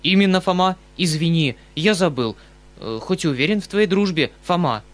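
Мужчина читает за пожилого добродушного отставного полковника, который восклицает и суетится. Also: male voice, high voice, normal speed, pitched above the performer's own voice, lightly acted. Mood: excited. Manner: exclaiming, fussy, eager. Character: excitable good-natured retired male colonel, older.

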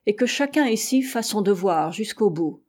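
A woman voicing a stern, obsessed male ship captain in an audiobook, speaking gravely and curtly. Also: medium pitch, lively intonation, normal speed, close to an everyday voice. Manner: grave, curt, forceful.

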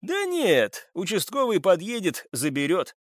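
A man reading an audiobook and voicing a domineering, menacing male killer who talks in a sharp, lecturing, metallic tone. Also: high voice, huge pitch swings, measured pace, dry recording, clean studio sound, pitched above the performer's own voice, heavily acted.

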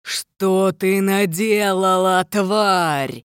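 A reader voicing a grandiose male shadow spirit lord who declaims slowly and pompously in an audiobook. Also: high voice, a bit bright, clean tone, dry recording, studio quality, soft background music, exaggerated voice. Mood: scornful.

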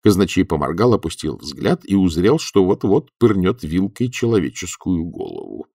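A man narrating an audiobook in an expressive, wry manner. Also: deep voice, moderate pace, vocal fry, no room sound, clean studio sound.

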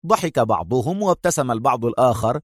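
Man narrating a thriller, expressive and suspenseful; dry, close recording. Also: medium pitch, fast, no room sound. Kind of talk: dramatic audiobook reading.

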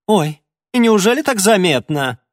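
A man's voice: sits high, big pitch swings, moderate pace, no echo, studio quality, pitched above the performer's own voice. Man voicing rowdy joking young guy Leon. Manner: loud, laughing, mock-dramatic. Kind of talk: audiobook character voice.

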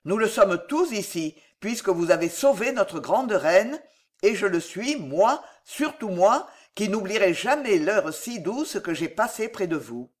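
An audiobook reader voicing a devoted young count who speaks to his friend with fervent warmth. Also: mid-range voice, lively intonation, a little slow, lightly acted. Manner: fervent, slightly louder. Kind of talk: audiobook character reading.

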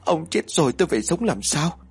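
A man's voice: fairly high pitch, big pitch swings, fairly quick, slightly rough, pitched above the performer's own voice, heavily acted. A man voicing a middle-aged widow wailing in despair over her husband's body. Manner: desperate, wailing reproach.

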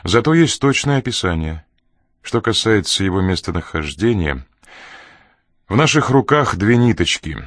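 A man voicing a composed, courteous but menacing man in an audiobook, speaking calmly. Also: fairly low pitch, no echo, clean studio sound. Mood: measured. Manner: calm, courteous, measured.

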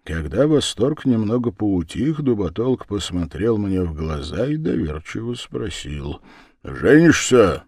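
Man reading a novel with lively pitch. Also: a little slow, hardly any pauses, breathy edge, no echo, studio quality. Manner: expressive, dramatic reading. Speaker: audiobook reader. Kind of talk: first-person novel narration.

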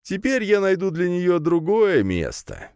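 A man's voice: sits high, huge pitch swings, a little slow, a little mellow, smooth, no echo, studio quality, pitched above the performer's own voice, heavily acted. A man voicing a grim male ghost guardian in a storybook. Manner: gloomy, knowing.

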